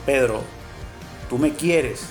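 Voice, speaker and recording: A man voicing a calm adult teacher in a retold story, asking gentle questions, over faint music. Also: medium pitch, takes it slowly, close to an everyday voice.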